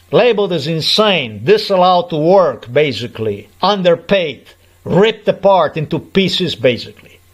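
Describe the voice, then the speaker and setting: Middle-aged man, slightly high voice, unhurried, aggrieved and insistent vlog monologue. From Slovenia. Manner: aggrieved, repetitive, emphatic. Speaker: vlogger. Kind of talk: personal monologue to camera.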